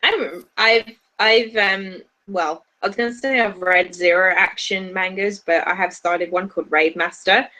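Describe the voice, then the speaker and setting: This anime YouTuber, whose accent blends British and Australian, rambles through casual livestream talk as co-host with many restarts. Her mid-range voice is steady, pushed and bright, a little slow yet with hardly any pauses, and the audio is poor.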